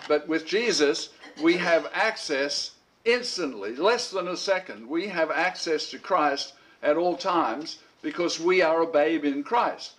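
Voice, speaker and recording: A middle-aged man teaching an informal Bible school lesson, his voice a bit higher than most men's. He rambles in a conversational way, repeating words as he restarts his sentences. He clears his throat now and then between thoughts. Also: a bit bright.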